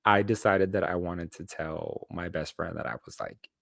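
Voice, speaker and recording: A man's voice: low-pitched, fairly even intonation, normal speed, creaky, a bit bright, dry recording, clean studio sound. A man from Los Angeles co-hosting a podcast, telling a personal story in a rambling way with lots of fillers and self-corrections. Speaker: podcast co-host. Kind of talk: casual chat, personal storytelling.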